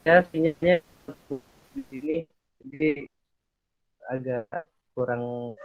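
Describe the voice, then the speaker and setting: A man's voice: medium pitch, very animated, slow pace, vocal fry, no echo. A male lecturer teaching an online class whose voice keeps breaking up over a glitchy video call, and he keeps checking whether he can be heard. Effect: choppy, breaking-up video call audio. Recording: tinny, dry call audio.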